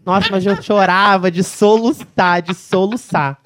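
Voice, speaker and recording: A man's voice: sits high, unhurried. A man on a podcast, chatting casually as a guest and gushing as he tells stories. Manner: animated, gushing storyteller.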